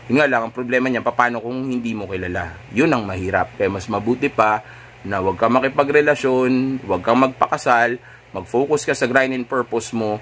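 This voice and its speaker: A man's voice: medium pitch, moderate pace, a bit bright, a little hiss or hum. Man giving casual dating advice. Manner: keeps checking in with rhetorical tags. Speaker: dating coach.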